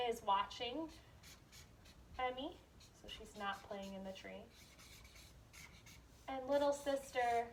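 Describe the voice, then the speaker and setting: A kindergarten teacher with a fairly high voice leads young children through a read-aloud lesson, explaining as she goes and asking questions, then pausing for their answers. A slight background noise is present.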